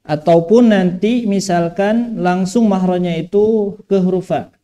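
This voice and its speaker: A man's voice: high-pitched, a little slow, mellow. A man teaching Quran recitation in a mosque, drawing out phrases and patiently correcting pronunciation. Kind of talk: tajweed lesson with recitation.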